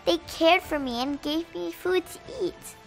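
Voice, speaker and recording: A woman voicing a sweet, earnest young mermaid girl in an animated game story. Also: extremely high pitch, unhurried, vocal fry, soft background music, heavily acted, rough recording. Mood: earnest, pleading.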